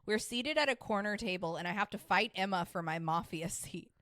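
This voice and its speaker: A woman in a middle-pitched voice reads a story aloud for a podcast, plain and steady, and drops in brief reactions between passages. The voice sounds dry and close to the mic. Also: fairly quick, dry recording. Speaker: podcast co-host. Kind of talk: reading a story aloud with asides.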